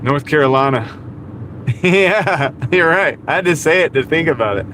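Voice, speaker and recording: His voice sits a little high, with lively intonation and a moderate pace, as he chats casually with livestream viewers during delivery driving. He greets people and chuckles often. Road noise from the car comes through his small wireless clip-on mic.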